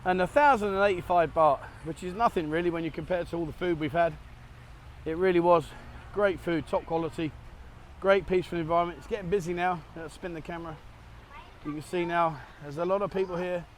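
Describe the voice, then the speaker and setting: A man's voice: high-pitched, fairly even intonation, a little fast, slight background noise. A middle-aged man, chatting to camera as a travel vlogger at a cafe, rambling and laughing at his own slips. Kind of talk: casual vlog chat to camera. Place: cafe in Thailand, partly outdoors.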